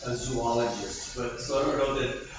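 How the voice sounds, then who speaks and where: A man's voice: medium pitch, normal speed. A man with an American accent teaching English pronunciation, patiently checking in with "okay?" after each point. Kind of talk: classroom language lesson. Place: classroom. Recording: echoey room from a distant mic, dull sound, noisy.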